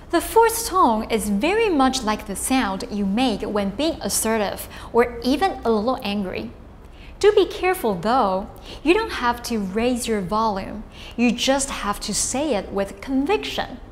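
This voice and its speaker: Slow, lilting woman teaching Chinese tones. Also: a little high, in a large hall, a little hiss or hum. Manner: slow, clear teaching delivery with modelled tone drills. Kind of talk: scripted lesson narration.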